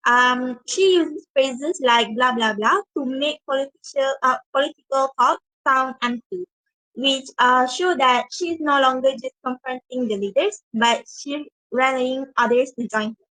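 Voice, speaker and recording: A woman's voice: sits high, a little slow, sharp tone, no echo, poor audio. A young woman presenting her part of a university class talk, reading notes with many fillers and restarted words. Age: young adult.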